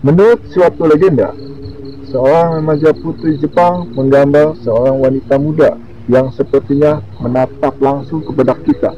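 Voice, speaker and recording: A man with a lisp that slurs his r, casually reading horror stories in a halting, informal way with his own asides. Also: on the high side, steady tone, mellow. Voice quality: lisp, slurred r. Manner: informal, halting reader who comments on the story. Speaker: video host. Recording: muffled lo-fi, clearly noisy with insect-like sounds.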